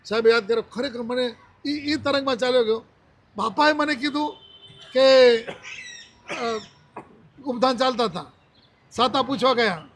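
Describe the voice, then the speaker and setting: A man's voice: extremely high pitch, measured pace, long pauses. A man in his seventies, a monk giving a religious discourse, telling a personal story and acting out the dialogue he quotes. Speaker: Jain monk.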